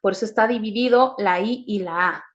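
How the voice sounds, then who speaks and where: A woman's voice: medium pitch, fairly quick, highs cut off. Patient woman teacher, Guatemalan accent. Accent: Guatemalan Spanish. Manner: patient, explanatory, with frequent fillers. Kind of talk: classroom lecture.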